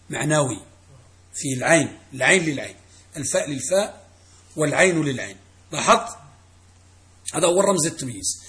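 A man's voice: high-pitched, fairly bright tone. A middle-aged man teaching a classroom grammar lesson as a religious teacher, quizzing students and repeating key phrases.

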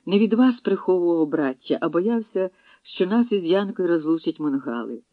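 A man's voice: high voice, animated, moderate pace, no echo. Male reader doing an emotional young fugitive warrior, earnest and raised; phone-like sound. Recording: tinny phone-like dry sound.

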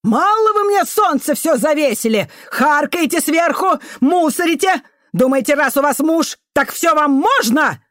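A woman's voice: a little high, animated, measured pace, hardly any pauses, dry recording, clean studio sound, voice pushed up. A woman voicing a vicious, foul-mouthed old female caretaker who snarls and shrieks abuse. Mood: furious.

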